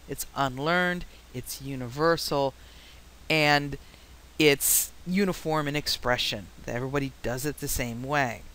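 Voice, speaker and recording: A woman teaching a psychology lecture, explaining points with anecdotes and deliberately varying her pitch, pace and loudness. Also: rough recording. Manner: varies pitch, rate and loudness on purpose. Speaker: psychology instructor. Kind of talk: classroom lecture.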